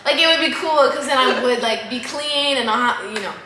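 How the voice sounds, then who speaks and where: Woman in her thirties, relaxed storytelling. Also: high-pitched, moderate pace. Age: 30s. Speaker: guest friend. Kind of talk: casual chat. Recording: echoey room with background noise.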